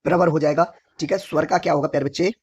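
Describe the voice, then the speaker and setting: Hoarse husky male Hindi teacher. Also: fairly high pitch, steady tone, very fast. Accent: North Indian Hindi. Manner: asks each question then answers it himself, repeating an endearment for his students. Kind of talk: exam-prep vocabulary lesson.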